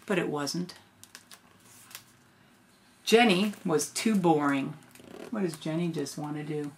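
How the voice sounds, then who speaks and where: An older woman reading a storybook aloud in a gentle grandmotherly way, adding casual asides. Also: sits low, takes it slowly, slight background noise.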